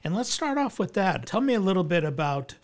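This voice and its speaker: A man's voice: high-pitched, big pitch swings, fairly quick. A man hosting an interview, asking courteous questions with some fillers and repeated words. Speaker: radio show host, interviewer.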